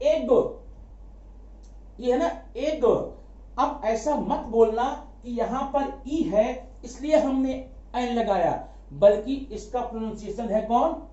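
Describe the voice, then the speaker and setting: Guy teaching grammar real slow, repeats key words, calls students brother, muffled lo-fi sound. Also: very high voice, mellow. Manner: drills with quick rhetorical questions and answers them himself; addresses students familiarly as brother. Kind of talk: classroom grammar lesson. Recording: echoey room, dull lo-fi sound.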